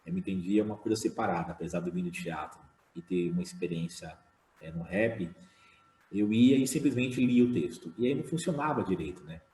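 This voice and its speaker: Low mellow-voiced man, echoey room. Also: brisk. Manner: casual, many fillers, animated when retelling. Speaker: slam poet. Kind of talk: online panel talk. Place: home room.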